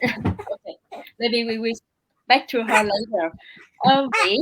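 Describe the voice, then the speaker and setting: A woman with a Vietnamese accent hosting a casual livestream over a video call, talking with many fillers and pauses. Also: a little high, background noise. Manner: hesitant, many fillers, broken English. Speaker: livestream host.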